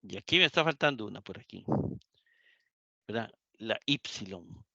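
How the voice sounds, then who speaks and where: A man's voice: on the low side, expressive, moderate pace, vocal fry, sharp tone, no room sound, muffled recording. A man teaching Greek in a live class lecture. He repeats the key points and keeps asking the students questions.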